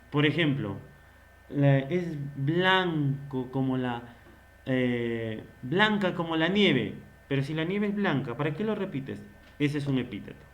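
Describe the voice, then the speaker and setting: A man teaching literature in a recorded lecture. He asks questions and answers them himself, and he repeats key words slowly. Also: on the high side.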